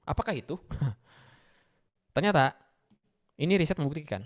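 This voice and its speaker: Lively man addressing students. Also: a little high, a little slow. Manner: animated, mixes English phrases, asks the audience questions. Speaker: guest speaker for school students. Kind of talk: lively motivational talk to students.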